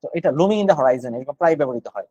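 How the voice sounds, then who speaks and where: A man's voice: mid-range voice, lively intonation, racing, dark tone, dry recording, dull audio. A man with a Bangladeshi accent teaching GRE vocabulary online, explaining words one at a time and thinking aloud.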